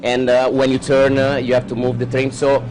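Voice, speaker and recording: Music plays in the background as a man with a monotone, mid-range voice provides live co-commentary on a boat race at normal speed. He explains technical matters at length, hesitating often, with many "uh" fillers and non-native phrasing.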